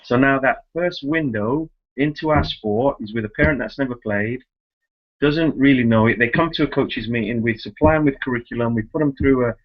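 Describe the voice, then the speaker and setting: A youth soccer club director hosts a conversational interview over a muffled, lo-fi conference call line. His mid-range voice is brisk, and he talks emphatically, repeating words and checking for agreement with tag questions.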